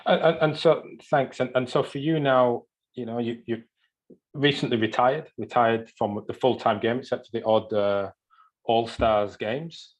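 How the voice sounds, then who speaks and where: A man's voice: mid-range voice, steady tone, unhurried, dull audio. A man interviewing conversationally, often repeating his opening words as he feels his way into a sentence. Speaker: interviewer, host.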